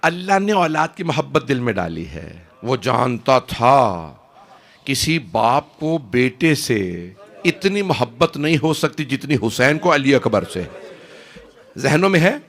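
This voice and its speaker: A man's voice: mid-range voice, sing-song, creaky, fairly bright tone. A man preaching an impassioned mourning sermon, dramatic and emotional, swearing oaths and rising to cries.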